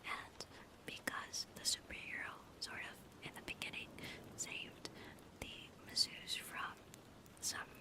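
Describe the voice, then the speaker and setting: A woman livestreamer in a whispered ASMR stream chat, softly thanking viewers and halting with fillers. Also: poor audio.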